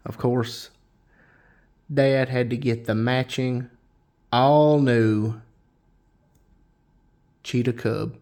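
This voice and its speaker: A man hosting a casual show-and-tell vlog, folksy and unhurried, with frequent restarts. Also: mid-range voice, a little mellow. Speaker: knife channel host.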